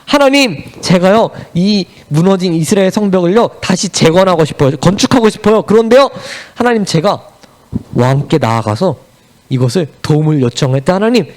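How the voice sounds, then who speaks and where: A humble royal cupbearer who pleads earnestly, first to God and then to his king, as a man acts him out. His voice is high and moves a lot in pitch, and his requests come out in soft, careful phrases. This is a Bible story told to children. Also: expressive, moderate pace. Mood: pleading.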